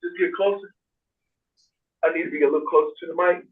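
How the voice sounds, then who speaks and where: A man's voice: fairly high pitch, steady tone, fast talker. Man rambling over a crackly phone line. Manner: rambling, with many fillers and restarts. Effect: crackly phone line fading in and out. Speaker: community member reporting to a meeting. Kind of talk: casual call-in chat. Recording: tinny, distant phone line.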